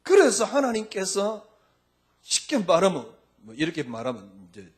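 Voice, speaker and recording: A male pastor preaching a sermon, firing rhetorical questions at his congregation in an informal, lively way. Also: high voice, moderate pace. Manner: speaks informally and lively in the pulpit.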